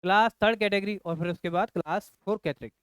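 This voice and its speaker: A man's voice: high-pitched, fairly even intonation, fast, clear, resonant tone, no echo. A man teaching a nursing lecture who repeats key phrases and keeps asking his class rhetorical questions. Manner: addresses students as children. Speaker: nursing coach.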